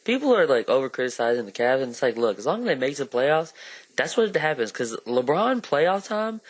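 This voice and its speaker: A man's voice: mid-range voice, sing-song, brisk. A man co-hosting a casual chat about movies and sports, rambling with lots of fillers. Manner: rambling, filler-heavy, hedging. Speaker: podcast co-host.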